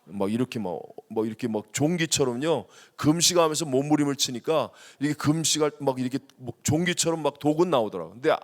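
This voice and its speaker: A middle-aged man preaching a sermon as senior pastor, lively and acting out prayers, with swings between loud and hushed. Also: medium pitch, quick pace, hardly any pauses. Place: large church sanctuary. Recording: long hall reverb.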